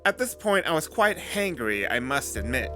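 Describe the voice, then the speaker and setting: A man's voice: a little high, very animated, normal speed, music in the background. A man reading scripted travel narration for a road trip vlog.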